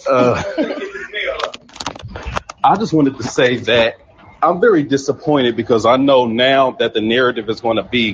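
A man's voice: mid-range voice, slight background noise. A man calling in to a talk show over a phone-quality line that keeps breaking up, talking in a frustrated, opinionated way. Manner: frustrated, opinionated, a bit halting. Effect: over a phone-quality call that keeps breaking up. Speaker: caller. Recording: lo-fi call audio with a weak signal.

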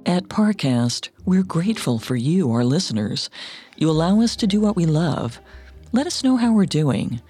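A woman's voice: lowish voice, very animated, moderate pace, mellow, breathy edge, faint music behind. A woman co-hosting a podcast, reading scripted mystery narration. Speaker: podcast co-host.

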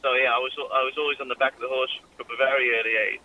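A man's voice: medium pitch, little pitch movement, very fast, phone-quality sound. A young Welsh man chatting casually in a radio interview, full of fillers and restarts. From Wales. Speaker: jockey guest.

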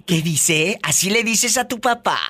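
A middle-aged woman with a Mexican accent hosts a call-in radio show, her voice bright and crisp. She talks to callers in an affectionate, teasing way. Her pitch rises and falls freely as she reacts. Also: lively intonation, a little slow, slight background noise.

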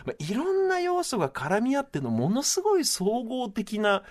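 Animated man explaining music on radio. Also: extremely high pitch, moderate pace. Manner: explanatory, emphatic. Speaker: music columnist. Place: radio studio.

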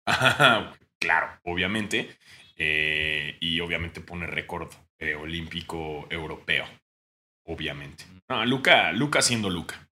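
A young Mexican man co-hosting a casual podcast chat, joking and now and then breaking into mock shouting. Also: deep voice, animated, slow. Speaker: podcast co-host.

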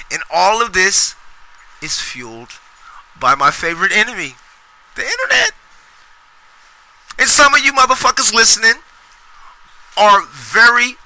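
Profane, high-voiced ranting podcast man. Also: bright, forceful tone, rough recording. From Sacramento, US. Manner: profane, rambling, emphatic with repetitions. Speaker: podcast host. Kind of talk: solo podcast rant.

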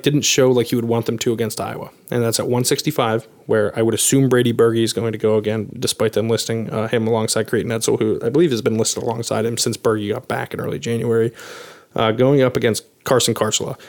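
A man's voice: medium pitch, a little mellow. A man co-hosting a sports podcast, breaking down results analytically with frequent "um" and "you know" fillers. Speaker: podcast co-host.

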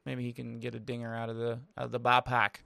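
A man co-hosting a casual sports podcast, laid-back and slangy, often trailing off quietly. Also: mid-range voice, monotone, quick pace, vocal fry. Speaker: podcast co-host.

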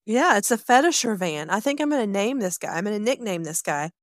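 A woman's voice: mid-range voice, lively intonation, a little fast, dry recording, studio quality. A woman co-hosting a true crime podcast, giving chatty reactions and blunt asides in casual talk. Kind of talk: casual chat.

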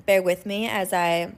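A woman in her twenties hosting a casual advice podcast, slightly hoarse from being sick, rambling with lots of fillers. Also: medium pitch. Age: 20s. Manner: rambling, lots of likes and ums. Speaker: podcast host.

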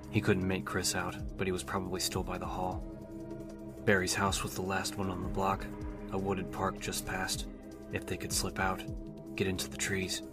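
A man reading a novel aloud as an audiobook narrator, telling the story in a steady, even way. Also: low-pitched. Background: music.

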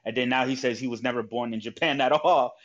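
A man talks casually and at length. His speech is full of fillers, restarts and profanity. The audio is dull and lo-fi, with an ordinary mid-range pitch. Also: quick pace. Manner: rambling, profane, lots of fillers. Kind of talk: casual chat.

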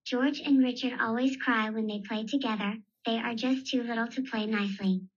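A woman's voice: on the high side, fairly even intonation, moderate pace, husky. A woman voicing a bossy little girl pig in a storybook, speaking in a childlike, emphatic way. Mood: grumbling. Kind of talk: storybook character voice. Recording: dull lo-fi audio.

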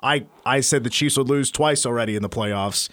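A man's voice: medium pitch, normal speed, a bit bright. An American man hosting sports radio, switching between casual talk and punchy promo reads. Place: radio studio. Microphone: close studio mic.

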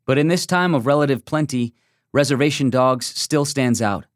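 A man reads a first-person magazine essay in a measured, reflective way. His voice sits in an ordinary middle register. The recording is close and dry, with no room sound. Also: medium pitch, dry recording. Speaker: essay reader. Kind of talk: scripted narration of a magazine essay.

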